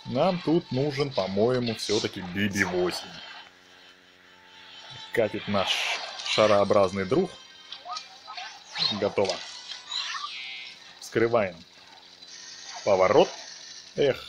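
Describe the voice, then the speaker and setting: Speaking slowly and pausing often, this man narrates gameplay in a relaxed way, addressing viewers and exclaiming in brief interjections. His pitch is fairly low and his delivery expressive, with game music underneath.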